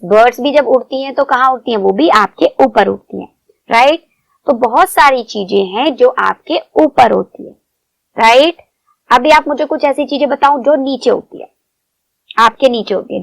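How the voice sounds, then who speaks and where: A woman's voice: on the high side, gravelly, no room sound. A woman teaching young children, coaxing answers with questions. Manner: coaxing, asks the class questions.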